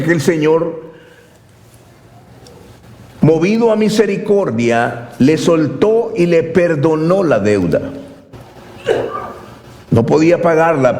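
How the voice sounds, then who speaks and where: A pastor preaches in a high, swinging voice that climbs and drops all through his sermon. He stresses his points hard and keeps turning to the congregation with questions. His voice rings through an echoey hall with a long reverb tail. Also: darkish tone. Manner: emphatic preaching, calls listeners "hermano"; asks the congregation rhetorical questions.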